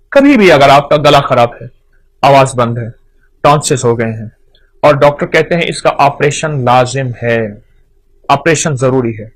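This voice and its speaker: A man explains home remedies in an earnest, teaching tone. He speaks at a fairly high pitch and often repeats a phrase to drive the point home.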